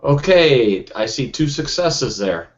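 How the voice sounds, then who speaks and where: A man acting as game master in a tabletop role-playing game, thinking aloud as he goes, with frequent pauses and restarts. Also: medium pitch, big pitch swings. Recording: dull lo-fi sound.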